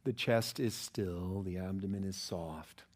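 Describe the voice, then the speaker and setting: This man's voice sits low as he leads a yoga nidra relaxation session, speaking in a steady, calming, soothing manner with frequent pauses.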